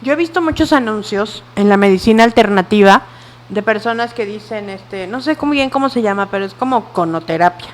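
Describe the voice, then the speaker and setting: A woman's voice: mid-range voice, lively intonation, a little fast. A woman, an interview host who asks questions and shares personal stories in a chatty way.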